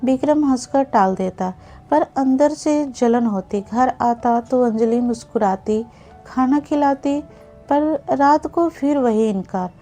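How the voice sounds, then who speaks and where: A woman telling a written story in a calm, steady manner, her voice a little high and her pace very slow. The tone is mellow and soft-edged, with faint music playing behind her. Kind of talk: scripted story narration. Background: faint background music.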